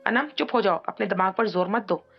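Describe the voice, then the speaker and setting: A woman's voice: medium pitch, animated, takes it slowly, gravelly. A woman voicing a young woman crying with grief and stammering through her sobs in an audiobook drama. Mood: grief-stricken. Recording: dull lo-fi audio, faint music.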